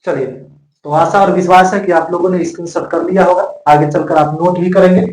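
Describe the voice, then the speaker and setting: Guy teaching grammar, highish voice, keeps repeating stuff, echoey room. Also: fairly even intonation, fairly quick, a little mellow. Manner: repetitive, drills points by repeating them. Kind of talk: classroom grammar lesson.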